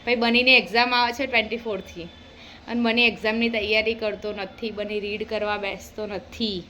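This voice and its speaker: A woman's voice: medium pitch, steady tone, normal speed, sharp tone, a little hiss or hum. A woman in her thirties, a mother chatting casually in a home vlog, teasing and scolding her kids as she talks. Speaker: vlogger and mother.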